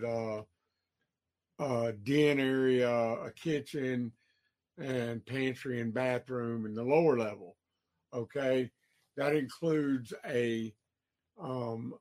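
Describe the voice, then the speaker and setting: A man hosting a podcast on electrical work, explaining costs slowly with many ums and uhs, hiccuping now and then. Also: medium pitch. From Georgia, USA. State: has the hiccups.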